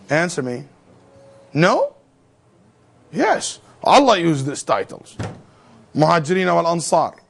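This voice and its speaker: A high-voiced man teaches theology in a lively, animated lecture style. Rhetorical questions fly at his students, broken up by humorous asides.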